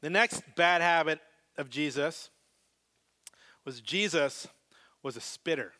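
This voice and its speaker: Animated pastor preaching a live sermon. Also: male voice, fairly high pitch, slow pace. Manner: animated, swings from loud to very soft.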